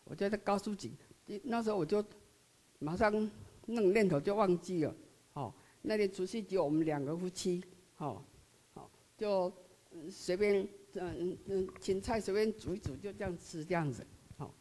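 An older woman with a Taiwanese Mandarin accent, telling her personal story in a halting, earnest way, full of tag particles. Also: medium pitch, warm tone. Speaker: member sharing her experience. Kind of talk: personal testimony.

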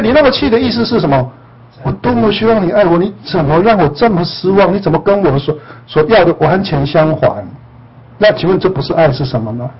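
A man's voice: a little high, slightly rough, lo-fi sound. A man, a spiritual teacher and counselor, talking to a group in a playful, teasing way with frequent laughter. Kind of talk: joking talk to a group.

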